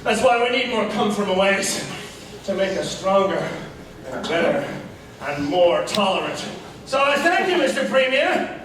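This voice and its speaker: An excitable, earnest small-town hero, acted by a man in a stage comedy. The voice is very high and projected from far off in a noisy, echoing hall. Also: unhurried. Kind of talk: broad stage comedy acting.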